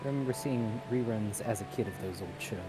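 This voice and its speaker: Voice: medium pitch, quick pace. A person in their late twenties hosting a crafting stream, chatting playfully and teasing their partner. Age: 20s. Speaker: streamer host. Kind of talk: casual chat while crafting. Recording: music playing underneath.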